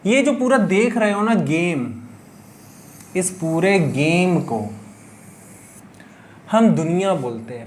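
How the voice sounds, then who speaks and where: High-voiced man teaching physics by story. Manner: storytelling with frequent check-ins like "ठीक है"; asks and answers his own questions. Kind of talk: classroom lecture explaining by story.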